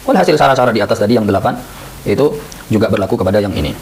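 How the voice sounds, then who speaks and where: A man teaching a lively lesson on Islamic law, who acts out little scenes in raised voices. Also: lowish voice, racing, slight background noise, low-quality recording. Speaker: Islamic boarding school teacher.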